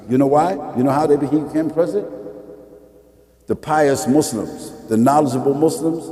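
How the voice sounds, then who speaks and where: Male preacher, high voice, fiery and conversational, quiet-to-shouting swings, roomy echoing hall. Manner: emphatic, rhetorical questions to the audience; casual vernacular grammar. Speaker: Islamic preacher. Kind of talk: mosque lecture. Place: large Islamic center hall. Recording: echoey hall from some distance.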